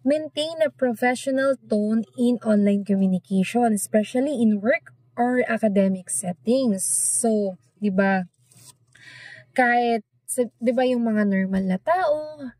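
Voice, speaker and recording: A woman's voice: on the high side, takes it slowly, darkish tone, no echo. A young woman with a Filipino accent, giving an informal lesson in a chatty way and often adding tag questions. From Philippines. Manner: conversational, frequent tag questions. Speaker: teacher. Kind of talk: informal lesson talk, mixing English and Filipino.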